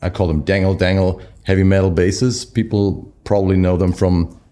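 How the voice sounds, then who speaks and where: A man with a hoarse, strained, nearly lost voice, hosting an interview in an upbeat presenter style. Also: deep voice, steady tone, moderate pace, dark tone. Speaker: host.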